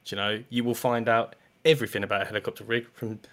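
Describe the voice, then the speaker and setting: A man's voice: mid-range voice, fast. A man with an English accent telling stories in casual chat, acting out the people he quotes. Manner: animated storyteller, acts out quotes.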